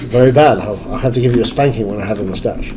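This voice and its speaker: A man's voice: on the low side, racing, a crowd in the background, low-quality recording. A man playing a video game, trading crude, teasing banter with his co-player. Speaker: let's play gamer. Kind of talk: crude improvised banter over gameplay. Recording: home recording with clear background noise.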